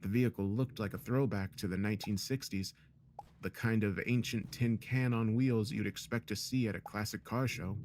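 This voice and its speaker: Male narrator with a low voice for first-person horror, calm and measured. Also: a little hiss or hum. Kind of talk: scripted narration.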